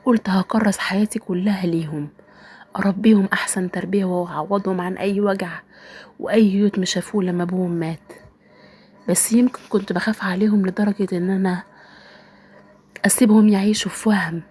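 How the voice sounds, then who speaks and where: Breathy Egyptian woman telling a sad story. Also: mid-range voice, fairly even intonation, brisk, darkish tone. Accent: Egyptian Arabic. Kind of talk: first-person dramatic storytelling.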